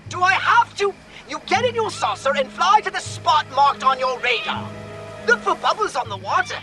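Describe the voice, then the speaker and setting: An actor playing a pompous, exasperated alien commander in a video game, speaking precisely and with sardonic scorn. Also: male voice, very high voice, animated, normal speed, music in the background. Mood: exasperated, scornful. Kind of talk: video game character acting.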